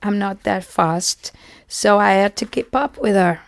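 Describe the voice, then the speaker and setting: A woman's voice: medium pitch, no room sound. Sick woman whispering with a scratchy voice. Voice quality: scratchy, breathy. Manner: apologetic, chatty, halting. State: sick, voice mostly gone, whispering. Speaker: artist and illustrator vlogger. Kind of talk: casual vlog talk. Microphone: close mic, new to her.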